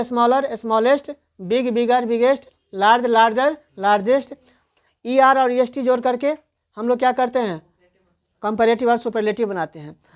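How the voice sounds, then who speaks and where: Lady teaching grammar online, quite high voice, quizzes then answers herself. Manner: asks questions and answers them herself; explains in Hindi, reads English examples slowly.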